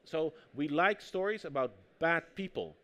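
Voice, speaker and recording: At a moderate pace and a higher-than-average pitch, a Dutch-accented man shares anecdotes during a public stage interview. A native Dutch speaker, author and anthropologist, he tells his stories with energy and acts out quoted lines.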